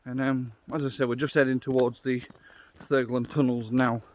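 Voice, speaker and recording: A man's voice: mid-range voice, flat delivery, normal speed, darkish tone, slight background noise. A middle-aged man with a Yorkshire accent, narrating a casual walking vlog outdoors into a handheld phone in a chatty, down-to-earth way, thinking aloud. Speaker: vlogger, walking guide. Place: outdoors on a wooded trail. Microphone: phone held at arm's length.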